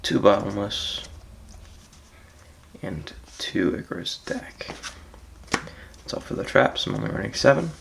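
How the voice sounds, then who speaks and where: Background noise sits behind a raspy, lower-pitched man whose voice sounds straight out of bed. Showing off his card deck in a casual walkthrough, he's easygoing and halting, leaning on ums and trailing off softly.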